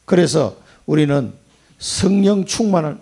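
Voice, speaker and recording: A pastor giving a sermon, preaching emphatically with sudden rises and drops in pitch and loudness, in a church sanctuary. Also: male voice, lively intonation, measured pace, creaky, husky.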